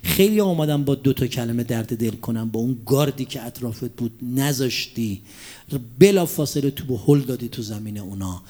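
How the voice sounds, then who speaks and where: A man preaching a religious sermon, asking the audience rhetorical questions and reciting Arabic quotations slowly and deliberately. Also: mid-range voice, expressive. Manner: drops to a hushed near-whisper for emphasis.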